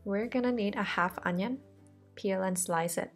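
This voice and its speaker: A woman from Thailand hosts a home cooking lesson in voice-over, walking through each step in a friendly, reassuring way at a moderate pace. Her pitch is an ordinary middle level, with soft music playing faintly beneath her.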